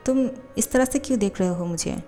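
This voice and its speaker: A woman's voice: medium pitch, a little fast, warm tone, soft background music, lightly acted. A woman reading the part of a protective twelve-year-old boy who pleads with his younger cousin. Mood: pleading. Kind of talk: fan fiction voiceover storytelling.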